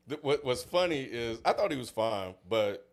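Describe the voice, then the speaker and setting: A man's voice: medium pitch, measured pace. A man co-hosting a casual podcast, reading out listener questions from the chat and chatting loosely. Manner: relaxed, reads out listener questions.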